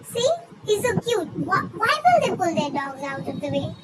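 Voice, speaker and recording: A woman with a squeaky, chipmunk-like cartoon voice from a pitch-raising filter, casually commenting on and reading online posts in a rambling, informal way. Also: very animated, normal speed, heavy background noise. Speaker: host.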